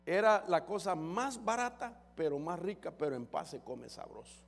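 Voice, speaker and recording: A man's voice: high voice, big pitch swings, normal speed, creaky, faint music behind. A man preaching a fervent sermon as pastor, often calling his listeners brother. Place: church hall. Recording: long church hall reverb.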